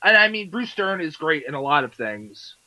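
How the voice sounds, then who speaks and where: Bright high-voiced man chatting about movies. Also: big pitch swings, normal speed, no room sound, poor audio. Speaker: podcast co-host. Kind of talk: casual movie review chat.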